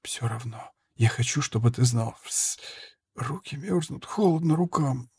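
A man's voice: on the high side, lively intonation, a little slow, darkish tone, slightly rough, pitched above the performer's own voice, full character voice. Man voicing a dying young crossbow woman. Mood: weak pained. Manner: breathless, faint, half-whispered. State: gravely wounded, weak. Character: dying young female crossbow fighter, bitter and tender.

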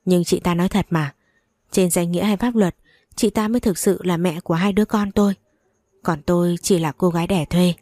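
A woman tells a first-person story in a steady, feeling way, like an audio drama read aloud. Her voice is mellow and warm, and the recording is dry and close with no room sound. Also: fairly low pitch, fairly quick, no echo. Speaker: story narrator.

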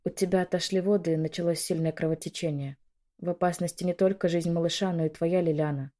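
A woman with a lowish, dark, natural voice speaks quickly and steadily as an older noblewoman who is both caring and commanding. She urgently gives orders while soothing a young woman in labor.

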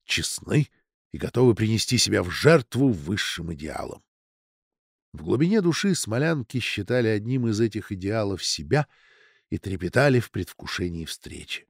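A male narrator reads the story with a lively, rising and falling delivery. His voice is close and dry, with no room sound around it, and he leans into every turn of the tale. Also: vocal fry, dry recording. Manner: expressive, voices the girls' lines in a raised pitch. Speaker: audiobook narrator. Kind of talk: scripted narration.

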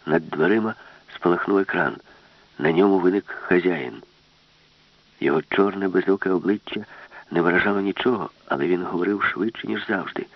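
A man narrating an audiobook with a lively, expressive reading. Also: low-pitched, brisk, no room sound. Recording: dull, lo-fi, dry.

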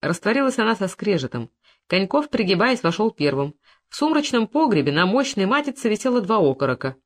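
A narrator reading a novel aloud, with varied, expressive delivery. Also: mid-range voice, fairly quick. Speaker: audiobook narrator. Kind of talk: scripted narration.

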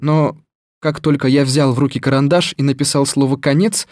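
Calm man narrating a storybook. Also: medium pitch, normal speed, loud music behind the voice.

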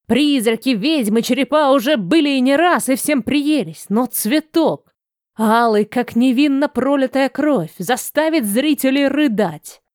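A woman reading an audiobook with an expressive, measured delivery. Her voice sits fairly high, and the recording is dry and close. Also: no echo. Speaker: narrator. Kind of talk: audiobook narration.

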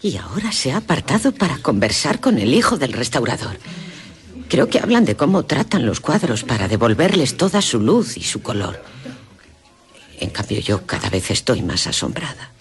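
In a Spanish radio drama, an actress with a Castilian accent plays Laura, a wistful, easily amazed young gentlewoman who moves between hushed narration and excited exclamation. Her rumbling low voice goes at normal speed, heavily acted, with a hushed, uneasy mood.

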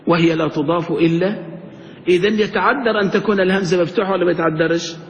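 Male grammar teacher, high voice, drills the class with questions, lecture recorded in a reverberant hall. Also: fast, muffled recording. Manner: quizzes students with questions, then answers them himself.

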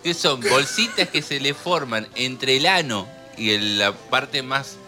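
A man with an Argentine Spanish accent hosting a radio show, talking in an animated, joking way and laughing often. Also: medium pitch, takes it slowly, faint music behind. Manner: animated, laughs often while telling jokes. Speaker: radio host. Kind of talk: jokey radio talk. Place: radio studio.

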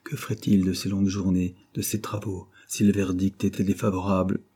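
Guy reading an old novel aloud, dark mellow voice, a bit husky. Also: deep voice, flat delivery, a little fast. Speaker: audiobook narrator.

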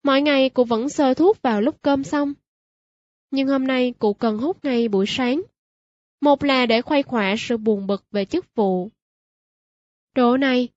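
A woman narrating a short story, reading steadily and clearly. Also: high-pitched, a little mellow, no room sound, muffled recording.

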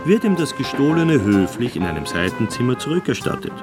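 A man's voice: medium pitch, big pitch swings, a little fast. A man narrating a scripted radio play in a wry, formal storytelling manner. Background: music under the voice.

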